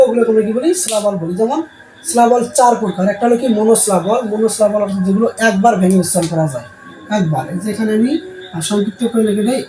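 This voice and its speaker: During a classroom lesson, an English teacher, a man whose voice sits high with a dark tone, keeps answering his own questions. Faint background noise comes through the roomy recording.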